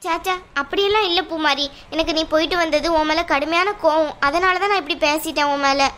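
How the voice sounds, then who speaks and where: A woman's voice: high-pitched, brisk. Woman voicing a defiant hot-tempered younger sister. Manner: sharp, defiant, argumentative. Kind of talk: cartoon voice acting.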